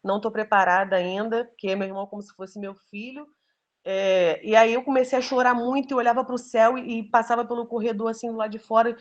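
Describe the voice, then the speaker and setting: A woman's voice: a little high, steady tone, fast talker, muffled recording. A woman giving an earnest, emotional personal testimony, telling her story with many fillers. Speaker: testimony giver.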